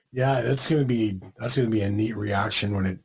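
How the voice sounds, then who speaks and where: Husky-voiced male podcast co-host. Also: on the low side, darkish tone, rough recording. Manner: chatty, rambling with restarts. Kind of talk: casual wrestling chat.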